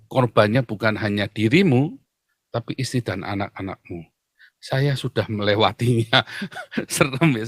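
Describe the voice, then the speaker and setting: A man's voice: medium pitch, fairly bright tone, no room sound. A man, a pastor hosting a live stream, talks casually, jokes around and confesses his past with emotion. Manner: joking, then confessional and emotional. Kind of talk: casual preaching chat.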